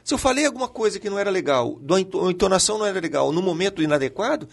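Animated husky Brazilian man teaching. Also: sits high, rapid-fire. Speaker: teacher and co-host.

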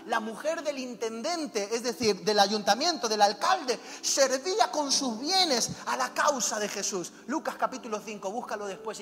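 Pastor man preaching hard, high voice, big echoey hall, music playing behind. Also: a bit bright. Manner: fervent, exhorting, anecdotal. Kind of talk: sermon.

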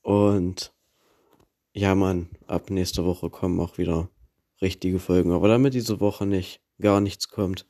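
A man's voice: deep voice, fairly even intonation, a little slow, dark tone. A young man and podcast host, giving a hesitant announcement full of fillers. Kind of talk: spoken announcement.

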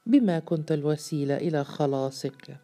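A woman's voice: deep voice, normal speed, mellow, faint music behind. A woman voicing a frightened male police chief who pleads anxiously for mercy. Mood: hopeful. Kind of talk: storybook reading.

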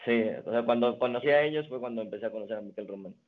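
A young man from Mexico, a guest in a casual interview, telling his story in a relaxed way with many restarts. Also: medium pitch, very fast. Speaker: guest, card designer and magician. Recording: phone-like narrow band.

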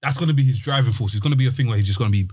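A man co-hosting a podcast in casual chat, lively and laughing a lot. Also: medium pitch, racing, slightly rough, no room sound, studio quality. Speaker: podcast co-host.

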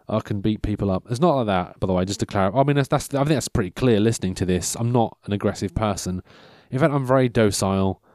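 A man around thirty-five chats in a rambling, off-the-cuff way, his lowish voice a bit mellow. He stops and restarts, loses his train of thought, and leans on dry self-deprecating humour. The audio has no echo.

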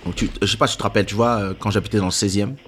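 A man in casual chat, telling a story with animated delivery and acting out quotes in a high voice. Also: rapid-fire. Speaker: podcast host.

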